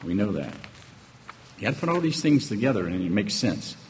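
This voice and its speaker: A man's voice: on the low side, sing-song, brisk, darkish tone. A man preaching a sermon, emphatic and full of rhetorical questions, often checking in with "okay?" and "right?". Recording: echoey hall with faint ambient noise.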